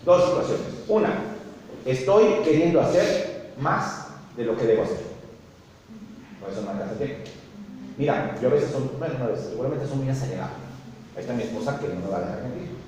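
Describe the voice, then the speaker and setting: A man, a pastor preaching a sermon to his congregation, telling animated stories and asking them questions. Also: medium pitch, fairly quick, pauses often. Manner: animated storytelling, asks the congregation often. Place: church hall. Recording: echoey hall, distant mic, faint noise.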